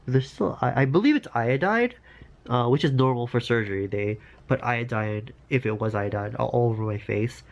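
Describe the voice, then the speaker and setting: A man's voice: mid-range voice, lively intonation, moderate pace, vocal fry. A man chatting casually to camera as a vlogger, congested from nose surgery, with playful, campy asides. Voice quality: congested, blocked-nose sound after nose surgery.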